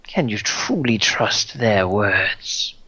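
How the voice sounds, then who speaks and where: A man voicing a menacing undead wraith who makes slow, grandly ominous pronouncements as a tyrant in a tabletop game. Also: fairly low pitch, expressive, sharp tone, slightly rough, dry recording, dull audio, voice pushed down, heavily acted. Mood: cold, taunting.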